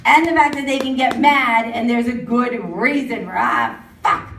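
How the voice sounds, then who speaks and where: A woman doing a stand-up comedy set at an open mic in a pub, animated and mocking as she talks. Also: a little high, moderate pace, slight background noise. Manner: animated, mocking voices of others. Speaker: stand-up comic. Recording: roomy pub sound from far off.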